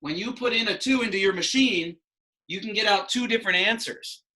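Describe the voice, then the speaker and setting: A man's voice: high voice, a little fast, bright, forceful tone, rough recording. A man in his thirties teaching a math class online from a small room at a whiteboard, patiently asking questions and explaining step by step.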